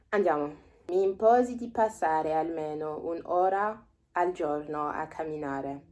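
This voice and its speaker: A woman in her twenties whose native language is French reads a text aloud at a slow pace for her learner vlog, explaining it, reasoning aloud and guessing at words she doesn't know. Her pitch is fairly low and her tone darkish.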